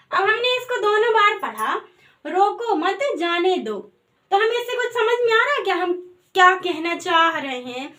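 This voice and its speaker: A woman's voice: extremely high pitch, fairly bright tone. A woman teaching a grammar lesson in a patient way, asking the class questions and answering them herself.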